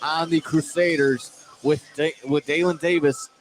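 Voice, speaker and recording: A play-by-play announcer calls a basketball game on live radio, frequently restarting and repeating words for emphasis. His fairly high voice is steady and a little slow, set against loud gym noise and game ambience.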